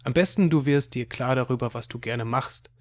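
A man's voice: mid-range voice, moderate pace, close to an everyday voice. A man reading an audiobook, voicing an eager, teasing boy cousin who likes to show off his cleverness.

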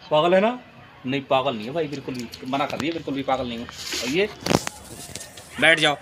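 A man's voice: fairly high pitch, background noise. Playful man teasing his dogs outdoors. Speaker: vlogger. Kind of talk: casual pet vlog. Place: rooftop, outdoors.

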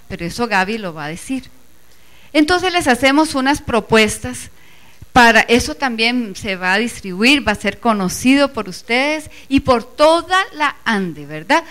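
A woman's voice: fairly high pitch, lively intonation, moderate pace, a bit bright. A woman giving an earnest, emphatic speech as an organizing committee member before a teachers' assembly. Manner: earnest, emphatic, addresses the audience inclusively. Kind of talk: public speech at a meeting.

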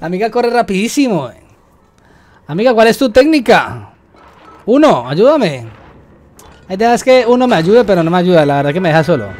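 Excitable high-voiced young man gaming. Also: a little hiss or hum. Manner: excitable, repeats words rapidly, yelps when startled. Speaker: gamer. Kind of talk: let's-play commentary.

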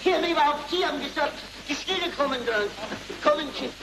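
A man's voice: extremely high pitch, fast, gravelly. An actor playing a middle-aged merchant, flustered and grumbling, repeating his words in a 1930s film comedy. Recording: noisy, echoey 1930s film soundtrack.

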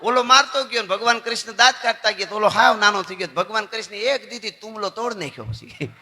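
A man telling devotional folk stories and preaching to children and elders in an animated way. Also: high voice, fast, in a large hall. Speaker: folk storyteller. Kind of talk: devotional folk storytelling to an audience.

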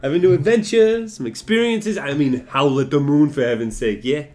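An actor playing a calm, patient male friend who soothes and pleads gently in a short film. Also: on the high side, normal speed, lightly acted. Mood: consoling.

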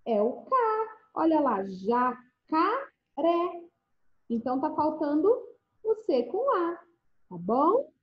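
A woman's voice: sits high, very animated, takes it slowly. Woman, teacher, remote lesson for young children, sing-song and coaxing, echoey room, dull lo-fi sound. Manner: sing-song, coaxing, with frequent checks for agreement. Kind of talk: remote first-grade lesson.

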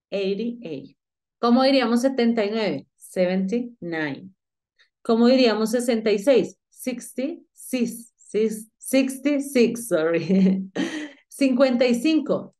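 A woman teaching English numbers, speaking to the student directly and repeating each number slowly so it can be drilled. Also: fairly high pitch, darkish tone. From Colombia. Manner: addresses the student directly, with frequent "pilas" and "listo". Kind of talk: online English lesson.

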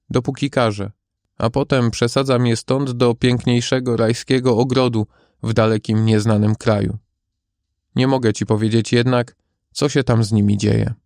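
A man voicing Death as a calm, grave female figure who tends God's garden, speaking in a measured way. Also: mid-range voice, no echo, clean studio sound, natural voice. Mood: solemn.

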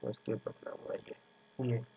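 This art exam teacher has a darkish tone and a moderate pace as he records his screen at a computer. He reads out handwritten notes slowly, word for word, before chatting casually about the pictures. A faint electrical hum runs beneath the dull, lo-fi audio.

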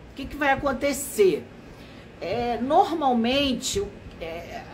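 Slow-talking woman with a stuffy nasal voice. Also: mid-range voice, slight background noise, rough recording. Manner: slow, unhurried, explanatory. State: nasal from allergies. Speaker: therapist hosting a live stream. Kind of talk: casual live-stream talk.

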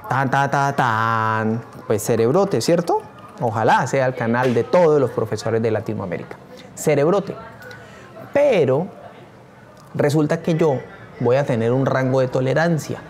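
A man's voice: medium pitch, lively intonation, moderate pace, a little mellow. A man teaching a screen-share tutorial, talking eagerly and straight to his viewers. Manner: enthusiastic, addresses viewers directly.

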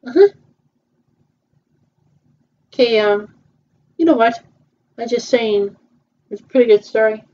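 Here a woman in her 20s improvises lines of fan roleplay, stumbling through them with frequent fillers, repetitions, and fresh starts. Her pitch sits fairly high and her tone is mellow. The sound is muffled and low-fidelity, the kind you'd get from budget gear at home.

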